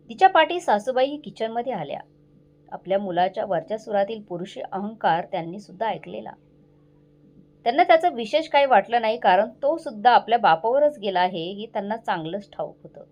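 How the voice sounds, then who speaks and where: A woman narrating a scripted moral story in a measured, expressive reading voice. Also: medium pitch, dull audio.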